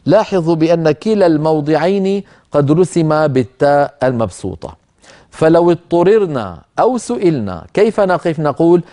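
A middle-aged man teaching a Quranic reading rule, explaining in a calm, measured way and slowly chanting verse quotations. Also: on the high side. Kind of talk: lecture on a tajweed poem.

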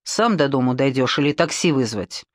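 A woman's voice: extremely low pitch, animated, moderate pace, no echo, clean studio sound, pitched below the performer's own voice. A woman voicing a proper, reproachful young woman in an audiobook. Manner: reproachful, tense.

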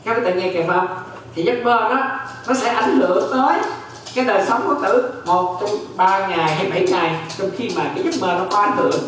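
A man's voice: high voice, fairly quick, a bit bright. A man teaching Buddhist doctrine as a monk, repeating phrases and often checking that his listeners follow. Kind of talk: dharma lecture. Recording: very echoey hall, distant mic.

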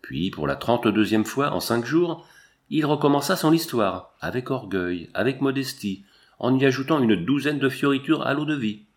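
A man's voice: medium pitch, animated, moderate pace. Man reading a story aloud. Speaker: audiobook reader. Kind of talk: scripted narration.

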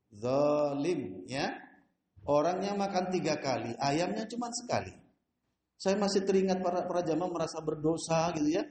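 A man giving a lively mosque study lecture, telling stories and mimicking voices with frequent laughter. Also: high-pitched, reverberant. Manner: animated storytelling, laughs often, mimics voices. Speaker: Islamic preacher.

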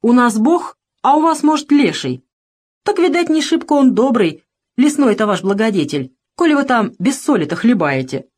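A woman's voice: on the high side, very animated, normal speed, a little mellow, pitched above the performer's own voice. A woman voicing a nitpicking, callous male shop clerk who grumbles while haggling. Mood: grumbling. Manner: grumbling, haughty.

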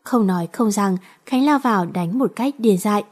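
A woman narrating a romance novel in a steady, even storytelling manner. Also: medium pitch, moderate pace. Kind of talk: audiobook reading of a romance novel.

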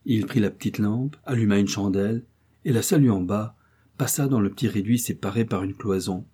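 A man narrating a literary story in measured, expressive tones. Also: on the low side, slightly rough. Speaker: audiobook narrator.

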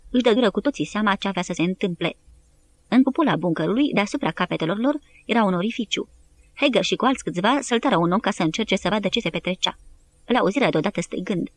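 A woman's voice: medium pitch, slight background noise. Woman narrating an audiobook. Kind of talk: scripted narration.

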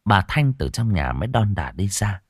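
Low-voiced male storyteller. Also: moderate pace, husky, no echo, clean studio sound. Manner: expressive storytelling delivery. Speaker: narrator. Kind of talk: audiobook storytelling.

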